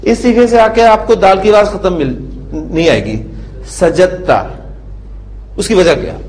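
A man giving a classroom Arabic grammar lecture. He drills word forms slowly, syllable by syllable, and keeps asking the class checking questions. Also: high voice, a little mellow, a little hiss or hum, low-quality recording.

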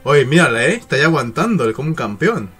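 A man's voice: mid-range voice, very animated, fast talker, husky, soft background music. A young man reacting to an anime episode, emotional and full of exclamations. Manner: emotional, exclamatory, swings from shouts to murmurs. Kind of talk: excited reaction commentary.

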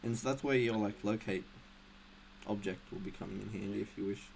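A man running a tabletop game as game master, narrating casually and hesitantly, pausing as he goes. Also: on the low side, gravelly, darkish tone, slight background noise, low-quality recording.

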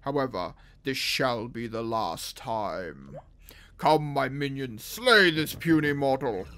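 A gamer voicing a pompous, menacing demonic video game villain who declaims grandly and deliberately at mortals. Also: mid-range voice, animated, a bit bright, slight background noise, pitched below the performer's own voice. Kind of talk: reading game villain dialogue aloud.

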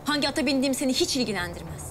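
A woman's voice: sits high, lively intonation, rapid-fire, slight background noise. A haughty, bossy rich girl. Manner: contemptuous, commanding. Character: spoiled rich young woman, haughty and bossy. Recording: TV drama with loud score underneath.

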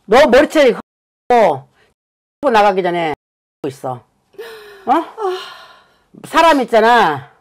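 A woman playing a shaman fortune-teller in a staged reenactment, scolding and cursing at a client in rough, blunt speech. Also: on the high side, sing-song, slow, long pauses.

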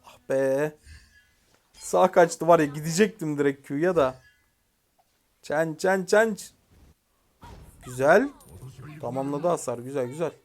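A young man commentating his own mobile game match, excitedly shouting commands at teammates and venting frustration. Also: fairly high pitch, slow pace, long pauses. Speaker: gaming YouTuber. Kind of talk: live gameplay commentary.

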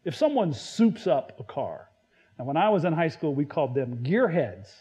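A man preaching a sermon in a conversational way, stumbling and restarting, now and then acting out Bible quotes loudly. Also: on the high side, big pitch swings, normal speed, muffled recording. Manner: conversational, self-deprecating preaching with many restarts. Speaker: pastor.

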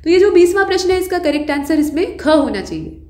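A woman's voice: extremely high pitch, expressive, quick pace, dark tone, roomy sound. A woman teaching Hindi grammar for an exam, walking through answers patiently, putting questions to students and correcting her own slips. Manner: patient explainer who asks students rhetorical questions. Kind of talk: exam-prep lesson explaining answers.

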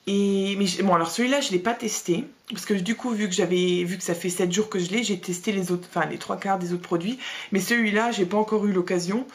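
A woman's voice: medium pitch, steady tone, a little fast. A young woman vlogging a casual beauty box review, chatty and blunt, with slangy asides and lots of fillers.

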